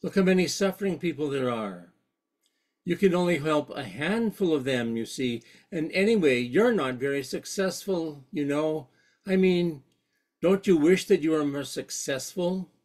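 A man voicing an agitated female television interviewer, reading her challenging questions aloud at a slightly raised pitch. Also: animated, normal speed, a little mellow, close to an everyday voice.

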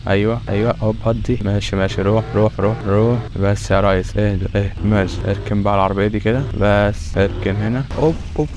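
A man's voice: lowish voice, level tone, quick pace, few pauses, noisy background. A young man with an Egyptian Arabic accent commenting on a car dealer game as he plays, joking and haggling with its customers. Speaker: gaming YouTuber. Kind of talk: let's-play commentary.

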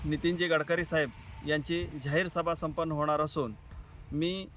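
A man's voice: on the high side, level tone, normal speed, a bit bright. A man speaking as a local party leader, making a formal, deferential public appeal. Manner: deferential, formal, honorific-laden. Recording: noisy outdoors with traffic ambience.

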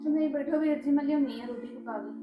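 An actress playing a meek young daughter-in-law who pleads and defends herself. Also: female voice, high voice, quick pace, highs cut off, close to an everyday voice. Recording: roomy echo. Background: music.

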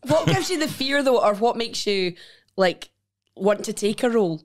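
A woman's voice: fairly high pitch, expressive, normal speed. A woman co-hosting a casual podcast, asking the guest curious questions with easy laughter. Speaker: co-host.

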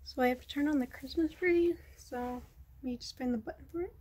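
A woman's voice: high-pitched, fairly quick. A young woman chatting casually to her vlog viewers, with a slight slurred lisp from wearing a retainer, filmed on a phone at home. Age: young adult. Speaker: vlogger. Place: rooms at home. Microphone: phone at arm's length. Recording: faint room noise, phone recording.

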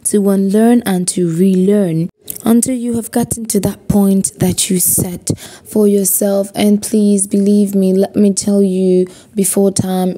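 A woman speaks to her viewers in a motivational vlog, warm and mellow in tone. She preaches with emphasis, hammering phrases again and again. She also poses rhetorical questions to the listener. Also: medium pitch, slightly rough. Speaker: motivational vlogger. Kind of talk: motivational talk to camera.

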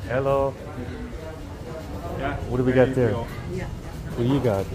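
A man's voice: medium pitch, expressive, slow pace. A middle-aged man chatting casually to camera and to people around him as a travel vlogger. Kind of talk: casual chat to camera and locals. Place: small tiled barbershop, then outdoor food alley. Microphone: handheld camera at arm's length. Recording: clear background noise, street and shop ambience.

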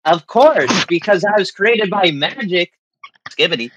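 A man's voice: sits high, lively intonation, measured pace, voice pushed up. A man voicing an eager magical boy doll who wants to be a best friend, reading game dialogue in a jokey way. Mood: cheerful, chummy. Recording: clearly noisy microphone with clicks.

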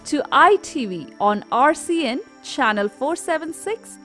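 A woman reading a scripted channel promo in a bright, upbeat manner. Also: sits high, lively intonation, a little slow, soft background music. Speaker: promo announcer.

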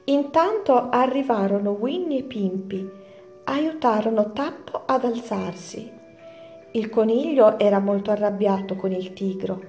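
Slow, clear woman reading a children's story. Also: medium pitch, expressive, darkish tone, roomy sound, faint music behind. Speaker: teacher reading aloud.

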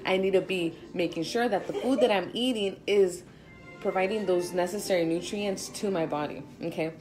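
A woman in her twenties talks in a loose, chatty vlog style, full of slang. Her voice sits a little low, and she speaks fairly loudly. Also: poor audio. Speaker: fitness instructor and realtor. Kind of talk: casual chat vlog.

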